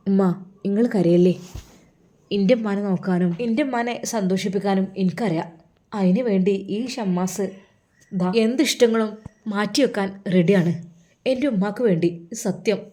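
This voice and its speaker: A woman voicing a heartbroken, torn young man, speaking softly and sorrowfully. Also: medium pitch, moderate pace, pauses often, lightly acted. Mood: pleading. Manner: soft, sorrowful inner monologue.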